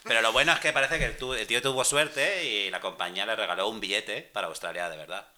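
A man's voice: fairly low pitch, fast talker, sharp tone, slight background noise. A man in his thirties co-hosting a casual podcast, reading out odd news and telling his own stories with jokes. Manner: storytelling, joking asides. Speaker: podcast co-host presenting news items. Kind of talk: casual group chat.

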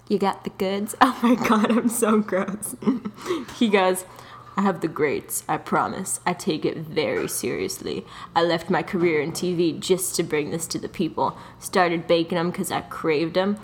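A young woman with a somewhat low-pitched voice tells a dating story as a podcast co-host. She talks casually and animatedly, laughing often and poking fun at herself. A faint hum of ambience sits behind her.

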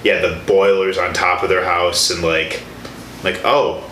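A man's voice: deep voice, flat delivery, measured pace, bright, forceful tone. A man interviewing a guest in casual chat, hesitant and full of filler words. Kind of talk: casual conversation. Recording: roomy echo, faint background noise.

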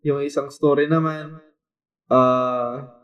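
A man's voice: mid-range voice, takes it slowly. Chatty young Filipino man, lo-fi sound. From Philippines. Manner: storytelling, lively, with many fillers. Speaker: podcast co-host. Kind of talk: casual chat. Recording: dull lo-fi echoey sound.

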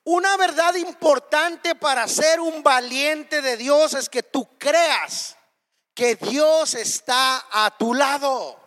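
A man preaches with a strikingly high voice, delivering his sermon slowly and deliberately. He hammers his points home with repeated rhetorical questions. His voice rings out with a long reverb, as if in a hall. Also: a bit bright. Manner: impassioned, rhetorical questions, emphatic repetition.

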